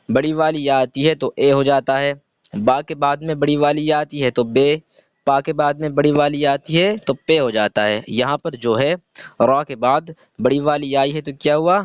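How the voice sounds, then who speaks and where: With a slightly high, clean voice on a dry recording, the man patiently teaches reading, spelling out letters and sounds individually and answering his own questions. The lesson moves slowly, step by step, and the audio sounds dull and lo-fi.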